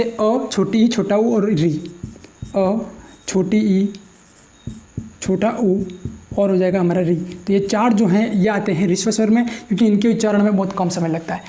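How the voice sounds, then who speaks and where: Mellow-voiced male teacher dictating slowly. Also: high-pitched. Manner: dictates slowly while writing, repeating phrases; asks questions and answers them himself. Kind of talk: grammar lesson for students.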